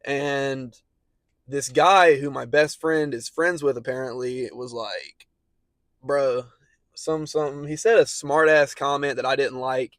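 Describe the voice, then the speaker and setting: A man's voice: medium pitch, measured pace, dry recording. Young man, storytime vlogger, heated and slangy, dry close sound. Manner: profane, ranting, slangy, often trails off quietly. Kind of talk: casual storytime rant.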